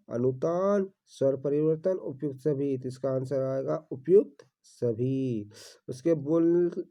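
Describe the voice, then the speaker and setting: A man's voice: a little high, dark tone. A man teaching exam-prep questions, reading each question and repeating the answer while calling viewers his friends. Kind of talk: exam-prep quiz walkthrough. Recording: dull lo-fi recording.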